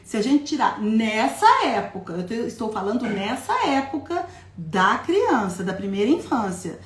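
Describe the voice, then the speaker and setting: Woman, educator, live talk, fairly high voice, echoey room sound. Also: normal speed. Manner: explains step by step, often asks the audience questions; demonstrates syllables in a lively, childlike classroom voice.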